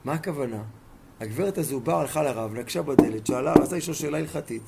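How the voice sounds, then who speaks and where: Gravelly-voiced rabbi teaching emphatically. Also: male voice, medium pitch, expressive, mellow, slight background noise. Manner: emphatic, fires rhetorical questions at listeners. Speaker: rabbi teaching a Torah class. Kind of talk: Torah lesson with storytelling.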